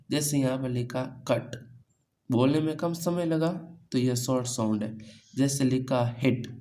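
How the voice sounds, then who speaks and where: A man's voice: on the high side, darkish tone, slight background noise, rough recording. Man teaching in Hindi. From India. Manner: repeats key points as questions to students. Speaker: English teacher. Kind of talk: classroom lesson.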